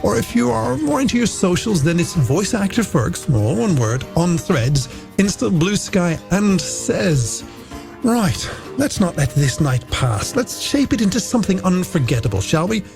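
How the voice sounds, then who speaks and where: Over a music bed, a male radio presenter hosts a late-night show, his slightly high voice swinging widely in pitch with a gravelly creak at the edges. His patter is chatty and playful, like a scripted link between songs. The delivery is sing-song and measured, with a darkish tone.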